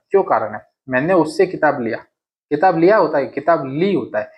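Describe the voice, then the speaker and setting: Teacher drilling grammar questions. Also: male voice, on the high side. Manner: repeats sentences aloud, asks and answers his own questions. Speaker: exam prep teacher. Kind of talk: casual classroom explanation. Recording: dull lo-fi sound.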